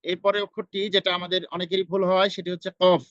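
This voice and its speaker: A man with a Bangladeshi Bengali accent teaching Quran pronunciation, saying each letter over and over, slow and patient. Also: high-pitched, monotone, a bit bright, no room sound, lo-fi sound. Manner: slow, repeats each sound several times. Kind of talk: pronunciation lesson.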